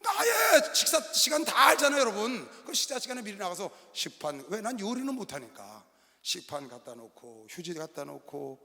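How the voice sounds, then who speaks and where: A middle-aged man preaching a sermon as pastor, telling stories with animated delivery and sudden bursts of shouting. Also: high voice, normal speed, vocal fry. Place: large arena hall. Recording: long reverb of a large arena hall.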